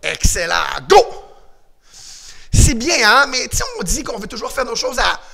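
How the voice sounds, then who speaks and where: A man teaching a karate class for children on video, shouting commands and leading call-and-response drills. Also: extremely high pitch, animated, fairly quick, vocal fry. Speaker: karate and kickboxing instructor.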